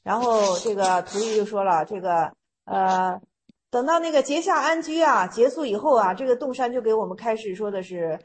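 A woman's voice: mid-range voice, normal speed, husky. A woman giving an informal talk on Zen koans, retelling the story loosely and often repeating phrases as she explains.

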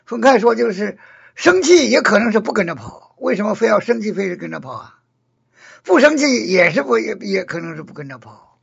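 A man's voice: sits high, very animated, fairly quick, gravelly, husky, muffled recording. A man leading a casual Buddhist discussion, earnest and explaining, who often repeats and rephrases his points.

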